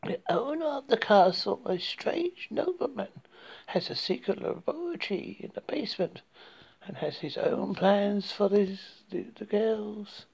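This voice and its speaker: A woman's voice: mid-range voice, expressive, a little slow, gravelly, a little mellow, husky, dull audio, heavily acted. A woman playing a creepy, theatrical horror host who introduces old scary films in a spooky, menacing, whispery manner. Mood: gleefully spooky.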